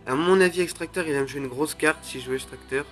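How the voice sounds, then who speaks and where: A young man commenting live on his own mobile game matches, excitable, groaning and exclaiming at each play. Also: fairly high pitch, fast talker. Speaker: gaming YouTuber. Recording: faint music under the voice.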